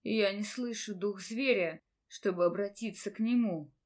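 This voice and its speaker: A woman voicing a detached male elf teacher who speaks calmly and evenly. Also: medium pitch, natural voice. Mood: aloof. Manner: calm and measured.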